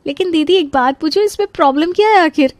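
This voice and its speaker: A woman's voice: very high voice, fast, dry recording, voice pushed up. A woman voicing a cheerful, carefree young daughter-in-law who breezily shrugs off every scolding in a cartoon story. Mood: breezy. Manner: breezy, chirpy, brushes off scolding.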